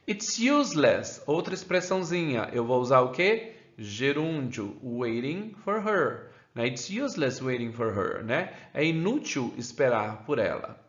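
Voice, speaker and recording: A man with a Brazilian Portuguese accent teaches an English grammar lesson, keeps adding "né?" and says the English examples slowly. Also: a little high, a bit bright. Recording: roomy, dull lo-fi sound.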